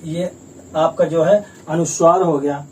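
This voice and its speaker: Teacher explaining slowly from across room. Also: male voice, a little high, fairly even intonation, a little mellow. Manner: patient, repetitive explaining, sounds out letters slowly. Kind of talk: grammar lesson at a board. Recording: distant mic with faint room noise.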